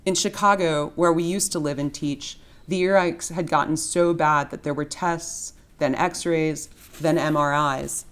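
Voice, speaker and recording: A woman's voice: low voice, steady tone, a little slow, hardly any pauses, clean tone. A woman author reading her memoir aloud at a university event, in a dry, wry storytelling manner. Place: university writing center.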